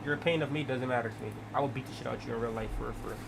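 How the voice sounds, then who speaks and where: A brash man hosting a live trading stream rattles off boasts and insults at high speed. His talk is loaded with swearing. A clear hiss of noise sits under the stream audio. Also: steady tone, very fast, poor audio. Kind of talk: casual trash-talking banter.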